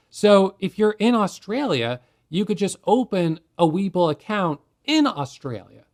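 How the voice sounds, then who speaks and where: A man with a fairly high voice talks to camera about day trading, the way a teacher walks a class through a rule. He keeps it conversational and often poses a question before answering it himself. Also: a little mellow. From United States. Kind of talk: explanatory talk to camera.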